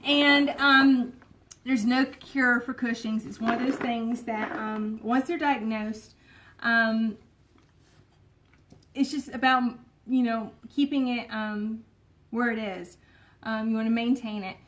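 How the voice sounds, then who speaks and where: A woman talks in a loose, rambling way, full of fillers and little asides. Her voice sits a touch high. It sounds like an easy, unscripted home vlog chat. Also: fairly even intonation, slow, a bit bright, a little hiss or hum. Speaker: vlogger. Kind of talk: casual chat.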